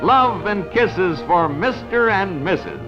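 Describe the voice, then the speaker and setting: In the style of an old newsreel, a man narrates slowly with a high, lively pitch that swoops through each line and an emphatic announcer's delivery. This is 1940s newsreel narration, its dull, lo-fi archival sound sitting beneath a loud music score.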